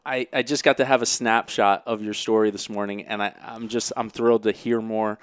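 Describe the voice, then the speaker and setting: A man's voice: on the low side, flat delivery, brisk, clean tone, no room sound, studio quality. A man hosting a podcast interview, talking with enthusiasm and many fillers and restarts. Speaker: podcast host. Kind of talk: casual interview.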